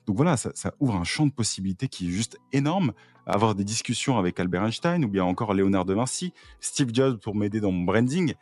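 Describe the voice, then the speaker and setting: Low-voiced man explaining with eager energy. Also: lively intonation, brisk, a little mellow, no room sound. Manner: enthusiastic explainer, many fillers and restarts. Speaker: podcast guest, AI trainer. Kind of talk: casual podcast conversation.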